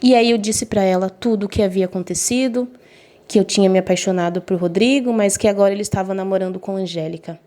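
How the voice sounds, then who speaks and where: A young woman telling a personal story in the first person, emotional and expressive, briefly voicing the other people in it. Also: mid-range voice, fast. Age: young adult. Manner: emotional, voices quoted friends and mother lightly.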